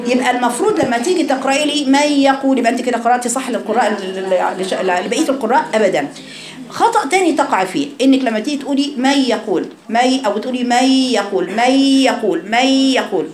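A woman with an Egyptian Arabic accent and a slightly high voice teaches a Quran recitation class, asking her students questions and demonstrating sounds. Her voice has a roomy sound.

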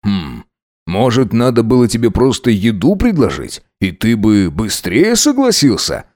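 A man playing a smug, wealthy young man who teases in an unhurried, self-satisfied way in an audiobook drama. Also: lowish voice, big pitch swings, darkish tone, no room sound, clean studio sound. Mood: mocking, casual.

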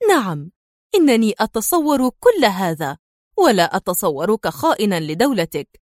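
A woman voicing a scheming female enemy agent in an audiobook, speaking in a sharp, mocking, defiant way. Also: medium pitch, big pitch swings, normal speed, no room sound, clean studio sound, natural voice. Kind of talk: audiobook character voice.

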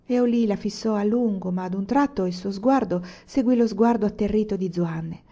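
A woman reading a novel aloud in a measured, expressive way. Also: mid-range voice, highs cut off. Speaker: audiobook reader. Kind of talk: scripted narration of a novel.

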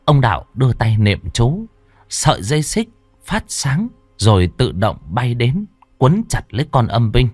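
A man narrating a horror story with expressive, dramatic pacing. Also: mid-range voice, unhurried, no echo, soft background music.

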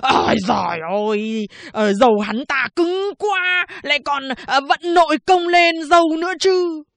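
A jittery old village barber, his voice pushed up high and thin as he frets and grumbles, every phrase broken by nervous "uh" sounds, as a woman reading the story puts him on. The storybook recording is close and dry. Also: a little slow, gravelly, a bit bright, dry recording, heavily acted. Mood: whiny, aggrieved. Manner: stammering with constant "uh" fillers, complaining. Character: timid, whining old male village barber.

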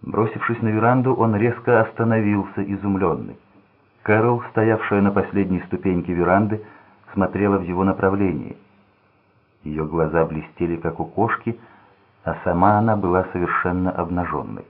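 A man narrating a thriller audiobook in a steady, measured reading voice. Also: low-pitched. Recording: tinny phone-like sound.

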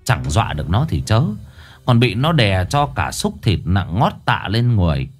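A man's voice: fairly low pitch, big pitch swings, moderate pace, soft background music. A man narrating a ghost story in a colloquial, crude and dramatic manner.

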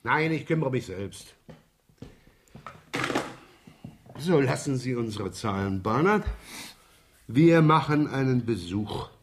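An actor playing a wry, slightly scatterbrained police inspector in a radio crime drama, chatty and ironic. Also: male voice, medium pitch, expressive, unhurried, a little hiss or hum. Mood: businesslike. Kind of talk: 1970s German radio crime drama acting.

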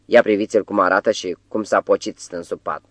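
A man voicing an imposing, mocking devilish master with a very deep, gravelly voice. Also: fairly even intonation, dry recording, natural voice. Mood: mock scolding.

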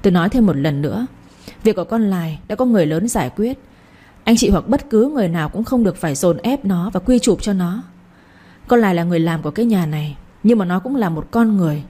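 A woman's voice: medium pitch, lively intonation, fast, warm tone, slightly rough. A woman reading as a commanding older matriarch. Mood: stern. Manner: firm, commanding. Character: strict, authoritative older mother-in-law.

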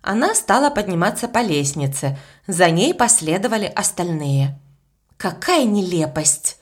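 A woman narrating a children's storybook aloud in an expressive, measured way. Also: on the low side. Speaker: audiobook reader.

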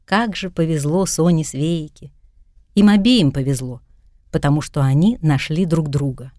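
A woman calmly narrating a novel as an audiobook reader. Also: low-pitched, normal speed, no room sound, studio quality. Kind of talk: scripted narration.

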